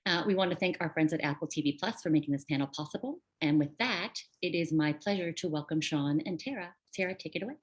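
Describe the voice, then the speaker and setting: Low-voiced woman reading event announcements. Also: quick pace, few pauses. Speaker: event host.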